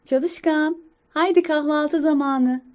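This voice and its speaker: A woman's voice: sits high, steady tone, slow pace, darkish tone, voice pushed up. A woman voicing a caring but firm mother squirrel in a storybook reading, with a motherly tone. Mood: gentle. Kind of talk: storybook character voice.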